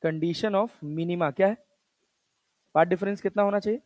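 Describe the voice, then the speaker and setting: This male physics teacher lectures casually in Hindi sprinkled with English terms, chatting as he fires questions at students and answers them himself. His voice sits high and steady, with a darkish tone at a normal speed. There's no room sound.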